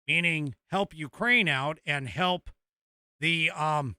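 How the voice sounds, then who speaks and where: A male American talk host with a clear, bright voice in a very dry, close sound. He gives casual political commentary, reading news items and then reacting in a halting, think-aloud way that often trails off. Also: a little high, no room sound.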